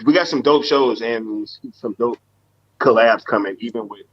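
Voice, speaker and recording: A man's voice: mid-range voice, moderate pace, dry recording. A man hosting a casual live stream chat, talking in a laid-back, slangy way full of fillers. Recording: dull lo-fi stream audio.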